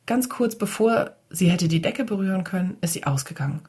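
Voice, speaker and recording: A woman's voice: lowish voice, expressive, fairly quick, darkish tone, breathy edge. A woman narrating a children's story in a chatty, casual way, often turning to talk to the listeners. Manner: chatty, addresses listeners directly.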